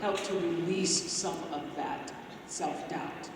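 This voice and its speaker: A woman interviewer asks her questions softly and with measured care. Her voice comes from a distance, ringing through a long arena reverb. Steady background noise sits under her words. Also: on the low side. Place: large arena stage before a live audience. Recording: echoey arena sound from far off, background noise.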